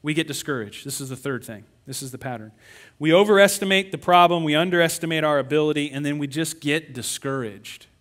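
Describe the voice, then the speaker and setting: Male pastor, middle-aged, bright higher voice, animated sermon delivery with put-on complaining voices. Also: a little fast, few pauses. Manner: animated preaching, acting out whiny complaining voices.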